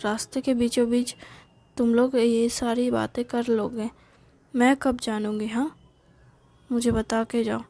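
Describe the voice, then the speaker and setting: A woman voicing a worried middle-aged mother who scolds her only son in fast, anxious bursts. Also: a little high, level tone, warm tone. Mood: scolding. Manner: rapid, nagging, anxious scolding.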